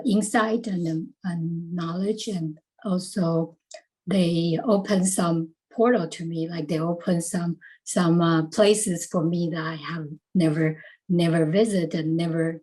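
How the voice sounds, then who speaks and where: A woman from Taiwan, an artist speaking on a panel, halting with many fillers and restarts. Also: on the low side, warm tone, breathy edge, poor audio. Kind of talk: panel discussion.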